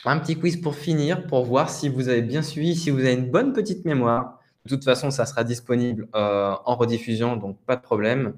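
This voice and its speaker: A man teaching a live webinar lesson, relaxed and chatty, often laughing. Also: mid-range voice, brisk, hardly any pauses. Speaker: French teacher.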